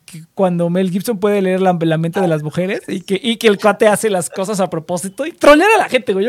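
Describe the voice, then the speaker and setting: A young man with a Mexican Spanish accent, co-hosting a casual podcast, animated and slangy, acting out little quoted voices. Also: high-pitched, dry recording. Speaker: podcast co-host. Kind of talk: casual chat.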